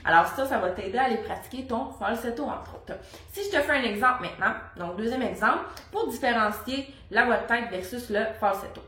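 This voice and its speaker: A woman's voice: fairly high pitch, fairly quick, sharp tone. A young adult woman with a Québécois French accent, a voice coach explaining technique casually with many fillers and brief sung demonstrations. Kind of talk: vocal lesson to camera. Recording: roomy echo.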